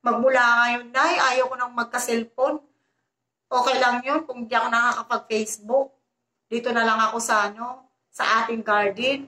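A timid young woman from the provinces, acted by a woman storyteller pleads in a high, anxious voice. Her tone is bright and piercing. A roomy echo surrounds it. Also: steady tone, moderate pace. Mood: shaken.

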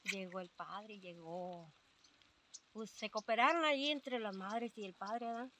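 A woman's voice: medium pitch, a little slow, pushed and bright. Older Mexican woman telling her story. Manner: rambling, quotes dialogue, many fillers. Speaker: interviewee. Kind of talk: casual storytelling.

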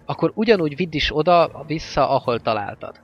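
A man voicing a fierce, weary male orc warlord in a stern, forceful manner, on a slightly dull recording with faint music. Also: fairly high pitch, animated, pitched above the performer's own voice. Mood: commanding.

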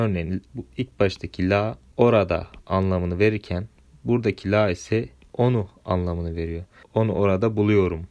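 A very deep-voiced man with a Turkish accent gives a language lesson. He works through each sound patiently, spelling letters out one at a time in a steady teaching voice. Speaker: French teacher. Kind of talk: grammar lesson explanation.

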